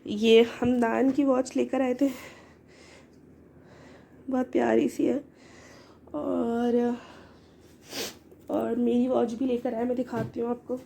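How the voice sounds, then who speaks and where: A young woman, hoarse and short of breath from a cold, chatting in a casual vlog as she shows things one by one. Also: on the high side, flat delivery, slow pace, long pauses, warm tone, slight background noise. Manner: chatty, explaining items one by one. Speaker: vlogger. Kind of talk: casual show-and-tell vlog.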